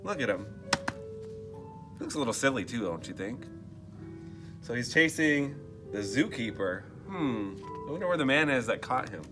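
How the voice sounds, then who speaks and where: Over music, a man with a mid-range, expressive voice reads a picture book to children at normal speed, pausing often. He shifts into casual muttered comments and questions aimed at the listeners.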